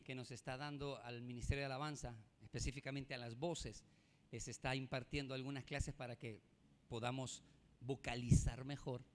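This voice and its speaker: A male pastor from El Salvador with a Salvadoran Spanish accent, preaching a sermon in a conversational way, calling his listeners "hermano" and laughing at his own jokes. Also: medium pitch. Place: church.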